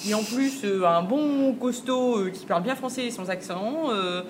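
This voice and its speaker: A woman co-hosting a podcast in a casual chat, quick and animated and laughing often. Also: a little high. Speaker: podcast co-host. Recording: noisy recording with audible hiss.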